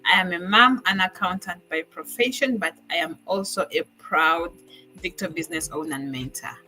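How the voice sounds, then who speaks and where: Bright-voiced cheerful woman. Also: on the low side, normal speed, soft background music, low-quality recording. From Uganda. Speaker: guest panelist. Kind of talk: live-stream video chat.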